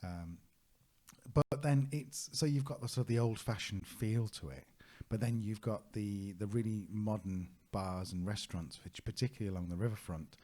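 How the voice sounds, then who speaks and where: A man's voice: on the low side, normal speed, darkish tone. A man co-hosting a travel podcast, chatting casually and rambling through anecdotes with lots of fillers. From United Kingdom.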